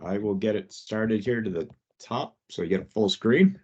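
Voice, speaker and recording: A man's voice: on the low side, normal speed, slightly rough. A man presenting updates informally as host of a work meeting on a video call. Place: online meeting. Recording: dull, lo-fi video call audio.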